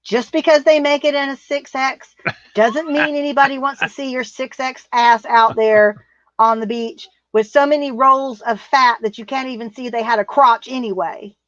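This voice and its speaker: A woman's voice: sits high, fairly even intonation, normal speed, a bit bright, dry recording. A middle-aged woman co-hosting a livestream, reading viewer comments in a blunt, rambling casual chat. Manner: blunt, rambling, laughs often. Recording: muffled, dry sound.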